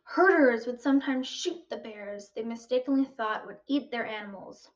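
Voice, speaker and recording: Distant, high-voiced girl giving a prepared speech. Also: normal speed. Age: child, about 12. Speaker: student speaker. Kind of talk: prepared school speech on wildlife. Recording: distant, slightly muffled mic.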